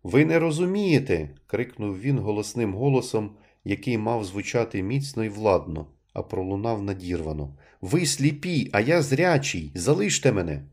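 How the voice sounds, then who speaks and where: A man voicing a cornered man shouting in rage. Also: fairly low pitch, moderate pace, hardly any pauses. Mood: desperate. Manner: shouting, strained and raging. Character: desperate cornered sighted man, furious and frightened.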